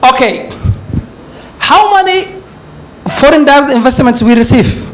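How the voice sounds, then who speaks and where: A man's voice: very high voice, lively intonation, measured pace. A man from Somalia with a Somali accent, giving an emphatic forum talk as a university lecturer and switching between English and Somali. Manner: emphatic lecturing, with asides and chuckles.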